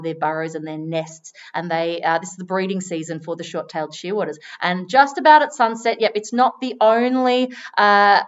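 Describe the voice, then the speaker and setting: A woman giving chatty live commentary on a wildlife stream, now and then breaking into excited exclamations. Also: mid-range voice, clear, resonant tone, dull audio.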